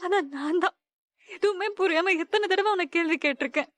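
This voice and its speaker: A woman's voice: very high voice, a little fast, fairly bright tone. An actress in a TV serial playing a young wife who apologizes to her husband through tears. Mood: remorseful. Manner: tearful, apologetic. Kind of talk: Tamil TV serial acting.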